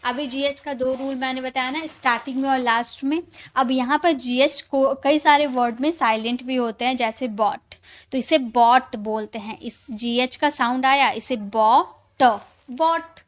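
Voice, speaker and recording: Female teacher, high voice, patient, repeats every example word, classroom explainer. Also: steady tone, normal speed. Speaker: English teacher. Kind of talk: spelling lesson for Hindi speakers.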